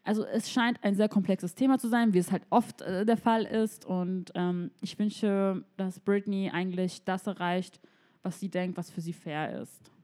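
Entspannte Frau mit warmer, dunkler Stimme. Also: female voice, mid-range voice, normal speed. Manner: relaxed, reflective, frequent listening responses. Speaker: podcast co-host. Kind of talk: casual podcast chat.

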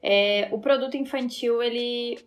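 A woman guest in a casual interview, telling lively stories and laughing as she talks. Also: fairly high pitch, unhurried. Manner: chatty storyteller, laughs while talking. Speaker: guest, fashion designer.

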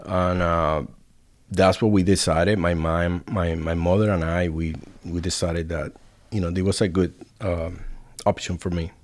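A man's voice: low voice, fairly even intonation, unhurried. A man in his forties from Puerto Rico with a Puerto Rican accent, a chef and restaurant owner chatting as a guest, modest and a little nervous. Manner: modest, brief answers, a bit nervous. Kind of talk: casual interview chat.

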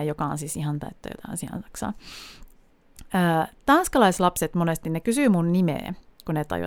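A woman's voice: on the low side, dry recording. A woman from Finland hosting a podcast, telling wry, chatty stories in a casual monologue with frequent laughs. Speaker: podcast host.

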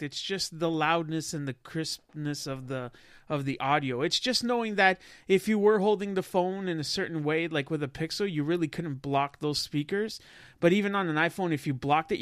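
A man's voice: a little high, normal speed, fairly bright tone, smooth, dry recording, clean studio sound. A man co-hosting a casual tech podcast, chatty and loose, with many fillers and restarts. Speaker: podcast co-host.

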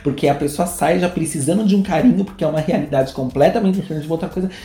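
A man's voice: on the high side, quick pace, echoey room. A man with a Brazilian Portuguese accent, chatting casually as a podcast co-host and acting out the people in his stories. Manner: animated storyteller acting out quoted voices. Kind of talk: casual gossip chat.

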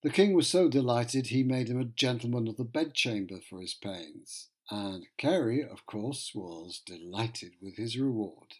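A man's voice: mid-range voice, lively intonation, unhurried, hardly any pauses, darkish tone, breathy edge. A man narrating history from a script, in a wry, conversational storytelling manner with joking asides.

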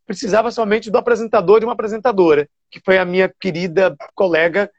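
Man, high-pitched voice, animated storyteller, dry slightly dull recording. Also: quick pace, no echo. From Bahia, Brazil. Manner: animated storyteller, many fillers and restarts. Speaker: TV show presenter. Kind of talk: casual storytelling interview.

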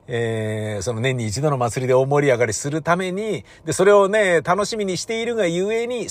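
A man ranting, lively and self-mocking. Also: a little high, dry recording. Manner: rambling, self-mocking rant. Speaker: entertainer hosting a monologue. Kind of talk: casual solo monologue.

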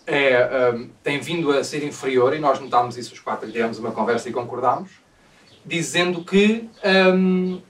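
A young man with a European Portuguese accent, co-hosting a podcast and announcing a break in halting speech full of fillers. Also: medium pitch. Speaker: podcast co-host. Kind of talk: casual chat among friends. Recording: distant mic with light noise.

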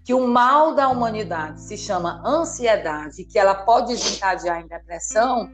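Brief: emphatic Brazilian woman therapist in interview, animated explainer, faint music underneath. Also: mid-range voice, moderate pace. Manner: animated, emphatic, asks listener "entendeu?" often. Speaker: therapist guest.

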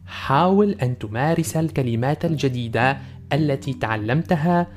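A man's voice: medium pitch, animated, moderate pace. A man hosting a language podcast, presenting a scripted lesson in carefully enunciated formal Standard Arabic and in English.

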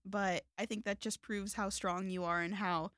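A woman's voice: medium pitch, steady tone, normal speed, a bit bright, no room sound, studio quality. A young woman in her twenties hosting a casual chat, bubbly and chatty, laughing often. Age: 20s. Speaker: host.

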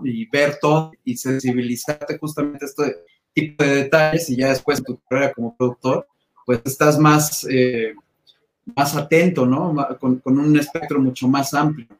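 A man's voice: mid-range voice, steady tone, moderate pace, echoey room. A man hosting an interview, summing up his guest's point in a thoughtful, hesitant way with many fillers. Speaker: interviewer, host. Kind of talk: interview follow-up.

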